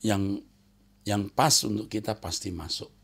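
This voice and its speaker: A male pastor preaching a sermon, who swings from loud emphatic exclamations to hushed whispers and repeats phrases for emphasis. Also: lowish voice, a little slow, gravelly, slightly rough. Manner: addresses listeners as "saudara", repeats phrases for emphasis.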